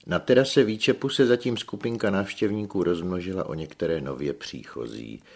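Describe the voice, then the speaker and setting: Super deep gravelly guy reading a novel, husky, steady. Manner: steady storytelling. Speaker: audiobook narrator. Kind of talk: scripted narration.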